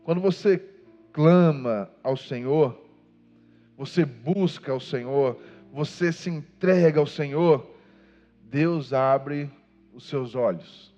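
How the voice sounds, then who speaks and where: Brazilian male preacher, fairly high voice, quizzes the congregation, dull lo-fi church recording with faint music. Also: takes it slowly, long pauses, dark tone. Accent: Brazilian Portuguese. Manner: poses rhetorical questions to the congregation and answers them. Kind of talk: sermon. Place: church hall. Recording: long hall reverb, dull lo-fi sound, faint music behind.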